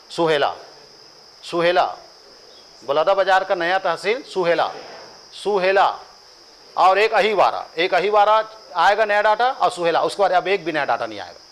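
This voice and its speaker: Chhattisgarhi guy teaching a class, highish voice, repeats lists like a chant, cracks jokes at the students. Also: fairly bright tone, poor audio. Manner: rhythmic repetition, joking asides to students. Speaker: coaching teacher. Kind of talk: classroom lecture with chanted drills.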